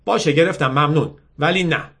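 A man's voice: on the high side, gravelly, fairly bright tone. A man reading the lines of a wary young runaway who answers in short, guarded words.

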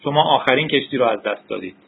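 Brief: man reading a detached older scientist, husky and calm, phone-like audio. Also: mid-range voice, exaggerated voice. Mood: cold. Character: older male scientist, cold and fatalistic. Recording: tinny narrow-band recording.

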